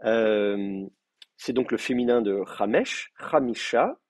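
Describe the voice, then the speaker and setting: Husky-voiced man lecturing with many hesitations. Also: mid-range voice, animated, slow, darkish tone, no echo. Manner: thinking aloud with many hesitations; explains terms patiently, writing them out for the class. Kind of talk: university lecture. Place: classroom.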